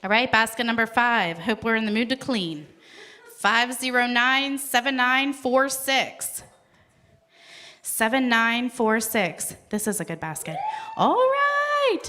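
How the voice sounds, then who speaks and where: A woman's voice: fairly high pitch, measured pace, pushed and bright. A woman calling out raffle ticket numbers at a live event, with playful, chatty asides between the numbers. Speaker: raffle caller at a celebration event.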